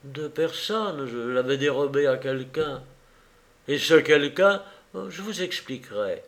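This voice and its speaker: Man voicing shy young provincial woman, hesitant, slow. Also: a little high, animated, fairly bright tone, full character voice. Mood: reserved. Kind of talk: audiobook reading.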